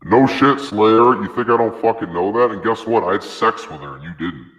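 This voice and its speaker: A man heard through a voice changer that shifts him far down into a very low, artificial register. He argues and curses in loose, crude banter, brushing off jabs. The sound is dull and lo-fi, with a long reverb trailing behind him. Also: fairly quick, a bit bright. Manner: argumentative, swearing, laughs things off. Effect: deep pitch-shifted voice changer.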